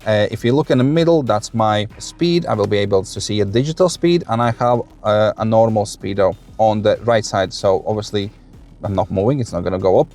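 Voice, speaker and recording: A man speaking as a driving instructor, calmly narrating each action in a step-by-step demonstration. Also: fairly low pitch, a little fast, soft background music.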